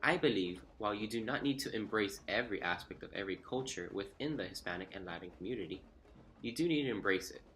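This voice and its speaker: A man's voice: fairly low pitch, animated, fast talker, fairly bright tone. A young man from Miami reading an earnest, reflective personal story as scripted narration. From Miami, Florida. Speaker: student storyteller. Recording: faint music underneath.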